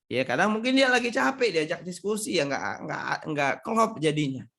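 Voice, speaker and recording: A man from Sumatra answers audience questions in a relaxed online talk on marriage, his voice sitting a little high for a man. He speaks conversationally, often closing his points with tag questions. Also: moderate pace, vocal fry. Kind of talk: live online seminar with Q&A.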